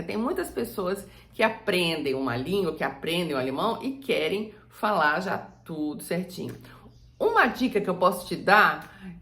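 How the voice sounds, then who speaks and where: A Brazilian woman teaching German grammar and saying example sentences slowly for the viewer to repeat. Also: lowish voice, a bit bright, echoey room. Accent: Brazilian Portuguese. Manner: slow, drawn-out model sentences for repeating. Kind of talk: language lesson.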